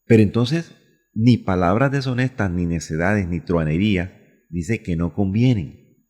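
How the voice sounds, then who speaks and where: A man's voice: deep voice, measured pace, darkish tone, big-room sound. A man from Colombia preaching a radio sermon, asking himself questions and repeating phrases for emphasis. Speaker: pastor.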